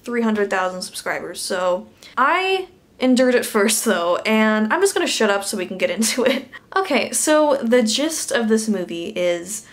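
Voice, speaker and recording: A woman's voice: a little high, big pitch swings, normal speed. A young woman reviewing a bad movie in a comedic rant, sarcastic and laughing between lines.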